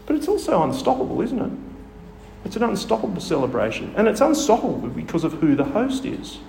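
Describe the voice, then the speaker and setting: Preacher in an echoey hall. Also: male voice, sits high, sing-song, a little fast, creaky, darkish tone, a little hiss or hum. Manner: storytelling, rhetorical questions. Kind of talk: sermon. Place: church hall. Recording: echoey hall with long reverb.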